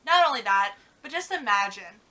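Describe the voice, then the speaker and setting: Young woman rambling in a casual vlog chat, bright voice, lots of fillers. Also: mid-range voice, animated, normal speed, low-quality recording. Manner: chatty, many "like" fillers, trails off. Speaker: vlog co-host.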